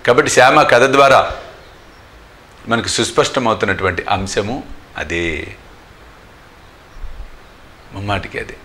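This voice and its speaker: A man's voice: fairly low pitch, measured pace, pauses often, pushed and bright, a little hiss or hum. A man giving a devotional discourse as a spiritual teacher, emphatic and full of rhetorical questions, with English phrases spoken.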